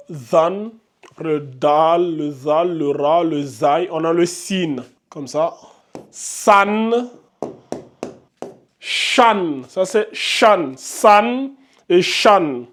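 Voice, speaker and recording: A man teaching a lesson on Arabic letters, calling out each sound and checking in with his viewers. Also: on the high side. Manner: drills sounds aloud, stressing letter names; addresses viewers directly, frequent checks. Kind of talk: whiteboard lesson.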